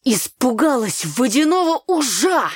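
A woman's voice: sits high, sing-song, measured pace, no room sound, studio quality, voice pushed up, heavily acted. A woman reading an audiobook, voicing a grumpy younger brother who snaps and sulks. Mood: cross. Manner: sulky and snapping. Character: younger brother, a cross grumbling boy.

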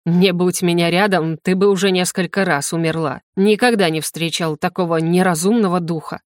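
A woman's voice: fairly low pitch, fairly even intonation, moderate pace, no echo, clean studio sound, natural voice. A woman voicing a cold, sarcastic male general who speaks in short, clipped lines in an audiobook. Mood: cold, mocking.

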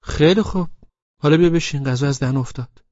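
A man's voice: fairly high pitch, darkish tone, no echo, highs cut off, voice pushed up, lightly acted. A man voicing a blunt, nagging young woman who scolds and fires off questions. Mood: impatient.

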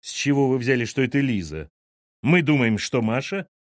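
A man's voice: medium pitch, expressive, moderate pace, dry recording, clean studio sound, close to an everyday voice. A man voicing a skeptical, sarcastic mother-in-law who dismisses everything in an audiobook. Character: snorting skeptical middle-aged mother-in-law.

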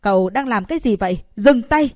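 A woman voicing an angry, protective royal father who shouts at a doctor treating his daughter. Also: medium pitch, lively intonation, brisk, no room sound, studio quality, lightly acted. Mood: furious. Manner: shouting, indignant and urgent.

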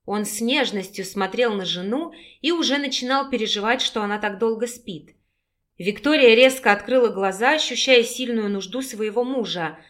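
A woman with a fairly high voice narrating a romance audiobook. She reads in an even, steady manner, leaving the character voices for the quoted lines. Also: moderate pace. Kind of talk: scripted narration.

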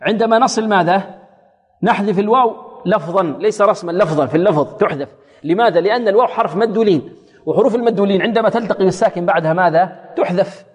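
A man teaching Quran recitation rules, who recites short passages slowly, quizzes his students, and repeats phrases to correct their pronunciation. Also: high-pitched, long reverb tail. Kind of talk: tajweed lesson with recited examples.

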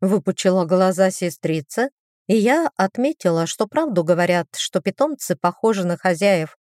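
A woman's voice: fairly low pitch, animated, moderate pace, a little mellow, no room sound, studio quality. A woman narrating a romantic fantasy audiobook.

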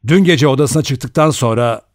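A blunt, suspicious middle-aged man who pushes hard with his questions, voiced by a male reader. His pitch moves in a lively way, and the sound is dry and close. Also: brisk, dry recording, close to an everyday voice.

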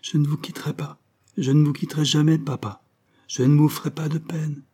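A man's voice: a little high, level tone, brisk, dark tone, husky, voice pushed up. A man reading an audiobook, voicing a young woman who earnestly pleads with her father. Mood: pleading. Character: young woman, devoted loving daughter.

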